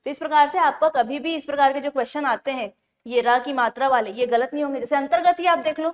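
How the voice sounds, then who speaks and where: A woman teaching an exam-prep grammar lesson, explaining step by step and slowing down to spell words out syllable by syllable. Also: high-pitched. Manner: explains step by step, often checks in with the class.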